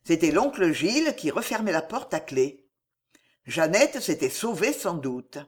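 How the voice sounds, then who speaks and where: An audiobook narrator reading a French adventure novel in an animated storytelling manner. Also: medium pitch, a little slow, slightly rough.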